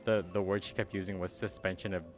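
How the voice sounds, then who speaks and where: A man's voice: low voice, flat delivery, fast, soft background music. A man co-hosting a casual podcast, asking questions and cracking jokes while playing a game. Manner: inquisitive, joking, giggly. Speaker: podcast co-host. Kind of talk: casual chat while gaming.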